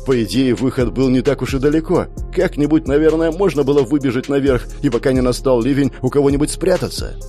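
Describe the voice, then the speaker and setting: A man reading a dark fantasy story aloud in a measured, even storytelling voice. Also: medium pitch. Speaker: audiobook narrator. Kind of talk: scripted narration. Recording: dry close mic, faint music.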